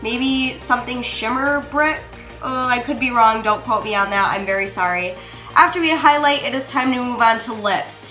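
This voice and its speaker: A young beauty vlogger with a fairly high voice narrates a makeup tutorial at a moderate pace, chatting directly to her viewers and calling them "you guys." She is chatty and apologetic, and the recording has a roomy echo with soft music in the background.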